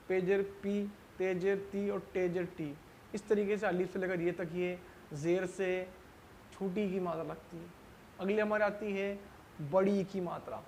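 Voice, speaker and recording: A man teaching a language lesson. He explains slowly, asks himself questions and answers them, and stretches out example syllables carefully. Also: high-pitched, slight background noise. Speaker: Urdu teacher. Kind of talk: classroom-style language lesson.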